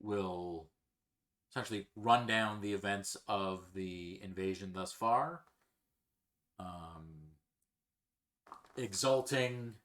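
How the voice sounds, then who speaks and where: Slow, halting male game master. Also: fairly low pitch, a bit bright. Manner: slow, halting, many fillers. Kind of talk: narrating a tabletop game over a call.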